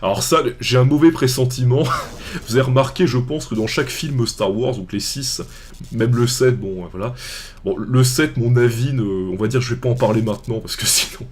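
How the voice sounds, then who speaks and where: Young man, let's play commentary, casual, rambling, hesitant restarts, mid-pitched voice. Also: normal speed, a little mellow, a little hiss or hum.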